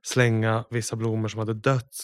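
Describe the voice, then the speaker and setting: A young adult man co-hosting a podcast in relaxed, easygoing casual chat on a close mic. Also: lowish voice, clear, resonant tone, no room sound. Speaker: podcast co-host.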